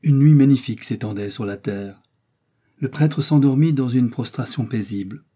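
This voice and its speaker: Dark, husky male audiobook narrator. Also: medium pitch. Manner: slow, expressive reading. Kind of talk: scripted narration.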